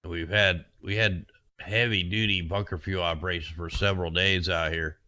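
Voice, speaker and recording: A man's voice: deep voice, fairly even intonation, moderate pace, pushed and bright, no room sound. A man casually talking through weather maps as host, rambling and conspiratorial, with his voice getting worn. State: losing his voice. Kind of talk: casual screen-share commentary.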